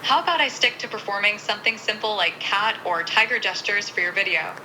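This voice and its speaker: A synthetic woman's voice speaking as a friendly desk robot assistant, polite and lightly joking in a smooth, even delivery. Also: medium pitch, fairly quick, a little hiss or hum, poor audio. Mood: chatty. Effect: synthetic text-to-speech robot assistant voice. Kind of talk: device voice assistant replies.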